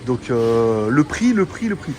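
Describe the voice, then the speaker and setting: Walking through a busy indoor electronics market, a man vlogs casually, rambling, laughing often and swearing. His mid-range, darkish voice has a sing-song lilt and a slightly slow pace, set against noisy market ambience.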